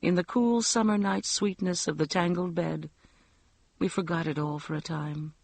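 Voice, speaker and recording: A man narrating a first-person novel, reading expressively with shifting pace and loudness. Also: sits high, fairly even intonation, normal speed, vocal fry, dry recording. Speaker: audiobook narrator.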